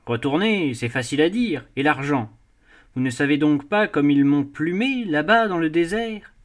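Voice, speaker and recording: A man's voice: on the high side, expressive, moderate pace, lightly acted. A man voicing an indignant, bewildered middle-aged man who has been swindled far from home. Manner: outraged, exclaiming.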